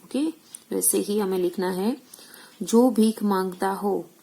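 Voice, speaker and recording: A woman teaches a recorded school lesson at an unhurried pace. Her voice is low in tone and gravelly. She poses questions and answers them herself, slipping English terms in among her explanations. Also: warm tone, rough recording.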